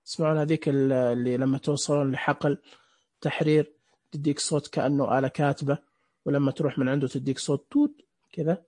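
A man's voice: mid-range voice, steady tone, quick pace, warm tone. A man teaching a screen reader class online, explaining each setting step by step and asking the listeners questions. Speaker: instructor. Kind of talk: screen reader software tutorial.

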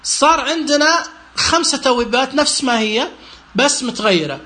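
A man talks through a phone screen in a casual tutorial. He thinks aloud, halting and explaining as he goes, and his voice sits high and bright for a man. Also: animated. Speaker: presenter demonstrating a phone app with a screen reader.

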